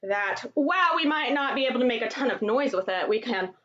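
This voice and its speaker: Woman, from Texas, music therapist, high voice, children's class, encouraging, slightly muffled computer mic. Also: lively intonation, a little fast, a bit bright. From Texas, USA. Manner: encouraging, speaks directly to kids at home. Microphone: computer microphone.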